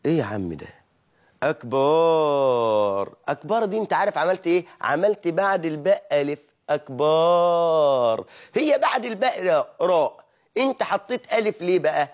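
A man with an Egyptian Arabic accent teaches a religious lesson in a lively, questioning way. His voice sits fairly high for a man. He acts out mistakes and then corrects them. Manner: animated teaching, mimics wrong pronunciations, asks and answers own questions. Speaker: preacher.

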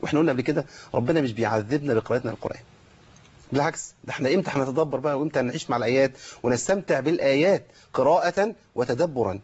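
A man's voice: mid-range voice, very fast, a little mellow, slightly rough, muffled recording. A man with an Egyptian Arabic accent teaching Quran recitation rules, asking questions and answering them himself. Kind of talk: tajweed lesson with recited examples.

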